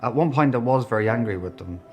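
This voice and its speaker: A man's voice: medium pitch, animated, fast talker, darkish tone, faint music behind. A man with an Irish accent, reflecting candidly on his life in a documentary interview. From Ireland.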